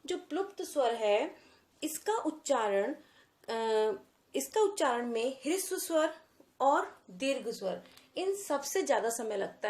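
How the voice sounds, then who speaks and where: A woman teaching a grammar lesson, explaining sounds and slowly repeating example words. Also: fairly high pitch, darkish tone, echoey room.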